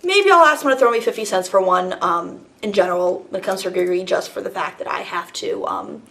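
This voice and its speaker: A woman's voice: mid-range voice, animated, fairly quick, gravelly, fairly bright tone. A woman hosting a casual monologue vlog, a little out of breath after a workout, talking frankly and firmly with rambling asides. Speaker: host.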